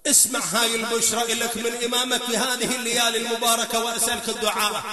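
A man with an Iraqi accent, a religious chanter who sings devotional verses and breaks in with quick spoken urging between them. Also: very high-pitched, flat delivery, over a noisy crowd. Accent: Iraqi Arabic. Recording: echoey hall with music behind.

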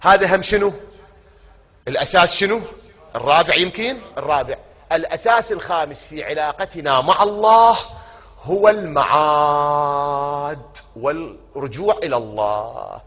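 A man with an Iraqi Arabic accent delivers a sermon in a husky, slightly high voice. He keeps putting questions to his listeners and answering them himself, drawing key words out slowly for weight. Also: expressive, fairly bright tone. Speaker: preacher.

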